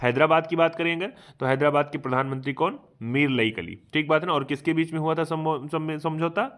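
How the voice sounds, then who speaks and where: A man giving a fast online exam revision lecture, asking questions aloud and answering them himself, often checking in with his students. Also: a little high, a bit bright. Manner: quizzes himself aloud, keeps asking "ठीक बात है ना". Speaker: exam coaching teacher.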